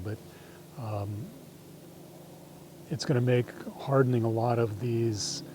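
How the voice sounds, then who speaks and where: Heard over a noisy background, this mid-range male voice belongs to a middle-aged man guiding a nature walk outdoors on a farm trail. His informal talk is reflective and tentative, frequently trailing off at the ends of phrases.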